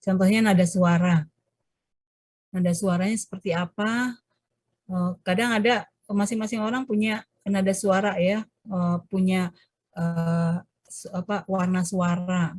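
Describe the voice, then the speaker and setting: A woman's voice: a little slow, pauses often, dry recording. Woman lecturing over a video call. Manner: explanatory, frequent hesitations and self-corrections; animated, shifts pitch to demonstrate examples. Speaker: university lecturer. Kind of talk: online class lecture.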